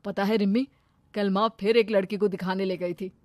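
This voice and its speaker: A woman voicing an earnest young man in a cartoon, speaking softly and mildly. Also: mid-range voice, steady tone, normal speed, no room sound, lightly acted. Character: young man Abhi, earnest son and suitor. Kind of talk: cartoon voice acting.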